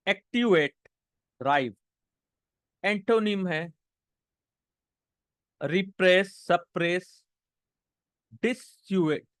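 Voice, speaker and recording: A man gives a classroom vocabulary lesson at an unhurried pace, in a slightly raised voice. He spells each word out letter by letter and keeps checking in with the class before moving on. The recording is dry, with no room echo. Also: high voice, fairly bright tone. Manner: spells words letter by letter, repeats "theek hai" often. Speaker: English teacher.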